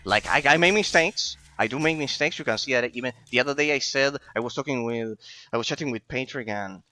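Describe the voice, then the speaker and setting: A late-twenties man whose first language is Spanish talks casually to his stream audience as he games, regularly stumbling and repeating words at the start of sentences. His mid-range voice is pushed and bright, a little fast, and the recording is dry.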